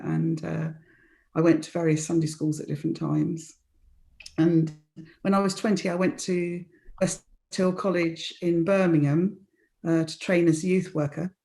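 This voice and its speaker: A woman's voice: lowish voice, creaky, dark tone. A woman in her seventies from southern England, a retired minister chatting as a podcast guest, with dry, understated humour. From Hove, southern England. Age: 70s. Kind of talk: casual interview chat.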